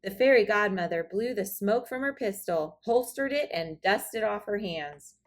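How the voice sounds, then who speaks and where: A woman reads a children's story aloud. Her voice is medium in pitch, and she tells the tale in an expressive storybook style. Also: unhurried. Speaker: storybook reader.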